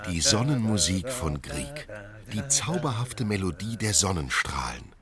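A man narrating a children's storybook with expressive, lively delivery. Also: lowish voice, a little slow, crowd noise.

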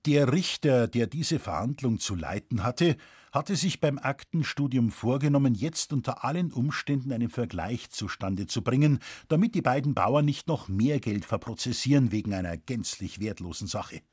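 A man's voice: medium pitch, normal speed, slightly rough, no room sound. A man reading a humorous rural tale aloud as an audiobook narrator, telling it expressively. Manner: expressive storytelling. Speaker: audiobook reader. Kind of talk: scripted narration.

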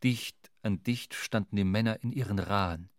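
An actor narrating as a young sailor recounting a whaling voyage, in measured, scripted storytelling. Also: male voice, on the low side, no echo, clean studio sound, close to an everyday voice.

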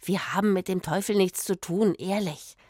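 A woman's voice: mid-range voice, moderate pace, darkish tone, no room sound, studio quality, lightly acted. A woman voicing a plucky young girl musician. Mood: reassuring. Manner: reassuring, then rousing and cheerful. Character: spirited young female wandering musician.

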